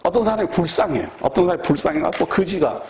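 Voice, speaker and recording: A pastor preaches a sermon in an emphatic, conversational way, repeating key words for stress and putting questions to the congregation. He has a high, expressive voice and talks fast.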